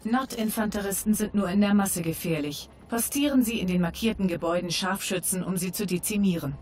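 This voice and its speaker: Woman as formal military computer voice, measured, composed, strategy game, mid pitch, noisy battle background. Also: darkish tone, lightly acted. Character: composed female battlefield computer announcer relaying orders. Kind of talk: scripted game announcements. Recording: game battle noise behind.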